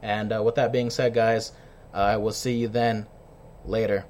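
A man's voice: fairly low pitch, flat delivery, measured pace, a little mellow, slight background noise. Slangy man hosting a podcast. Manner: slangy, swearing, chummy. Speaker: podcast host. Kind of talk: casual interview chat.

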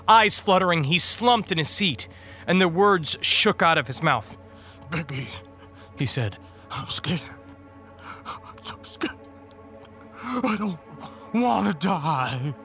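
A man reading a dark comic story aloud, shifting his voice for the characters. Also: high voice. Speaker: guest preacher reading a story.

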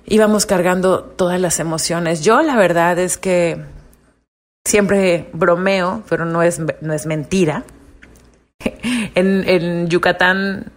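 A woman's voice: on the low side, steady tone, takes it slowly. A young woman hosting a reflective monologue podcast, earnest and confiding. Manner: earnest, confiding, acts out quoted voices. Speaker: podcast host.

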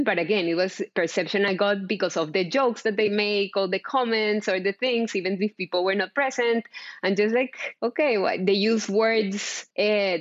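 A woman's voice: mid-range voice, highs cut off. A woman from Colombia with a Colombian Spanish accent and Spanish as her first language, speaking as a panelist in a live discussion, earnest and thinking aloud with "eh" fillers. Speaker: panelist, DEI practitioner.

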